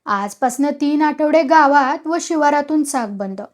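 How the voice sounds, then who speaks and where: A woman voicing a superstitious old village man who speaks loudly and forcefully. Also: sits high, animated, measured pace. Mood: insistent. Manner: loud, forceful.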